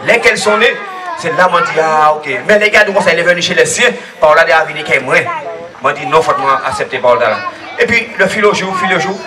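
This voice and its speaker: Man, high voice, church testimony, rambling and chuckling, far from the mic with a crowd around. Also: a little fast. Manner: rambling, lively storytelling with frequent laughs. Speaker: church member giving testimony. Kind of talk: spoken faith testimony. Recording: distant mic with crowd noise.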